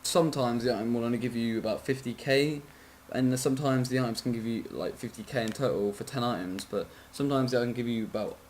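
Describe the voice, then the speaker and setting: A man's voice: mid-range voice, fast, few pauses, a little mellow. A drowsy man talks through a casual game tutorial in an ordinary mid-range voice. He rambles, keeps apologizing, trips over numbers and corrects himself, with the odd swear. A faint hiss sits under his voice. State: sleepy, yawning.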